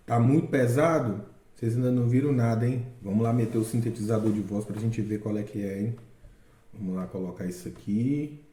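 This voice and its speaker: A man's voice: mid-range voice, steady tone, fairly quick, mellow. A man hosting a book-reading channel, giving casual spoken commentary and explaining with frequent check-in questions. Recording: echoey room.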